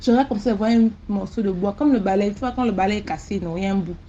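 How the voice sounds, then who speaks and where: Woman rattling off a creepy first-person tale, dark mellow voice, bit lo-fi with faint room noise. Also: medium pitch, rapid-fire. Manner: animated, repetitive, with sound words. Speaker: storyteller. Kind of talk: first-person mystical story.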